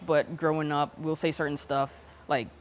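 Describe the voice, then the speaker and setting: A woman's voice: sits low, a little hiss or hum. A young woman from the Bahamas with a light Bahamian accent, a guest telling stories in a casual interview. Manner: quick, animated storytelling. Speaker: guest athlete.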